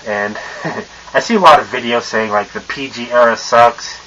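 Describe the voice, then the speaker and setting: Muffled, bright-voiced young man ranting. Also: mid-range voice, moderate pace, slight background noise. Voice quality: muffled by a mask he wears. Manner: rambling and profane, with many fillers and stumbles. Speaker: vlogger. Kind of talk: casual rant to camera.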